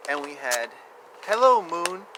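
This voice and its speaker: Outside, with faint ambient sound around him, a man with a fairly high voice reads a picture book to young children. He's very animated and takes it slowly, chatting playfully with exclamations and asides and stretching out words for emphasis.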